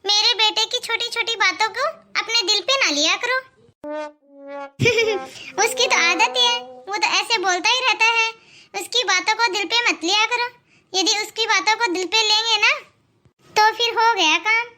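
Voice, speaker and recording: A woman's voice: very high-pitched, normal speed, sharp tone, full character voice. A woman voicing a bossy, nagging mother-in-law in a cartoon, scolding and coaxing by turns. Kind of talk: cartoon voice acting.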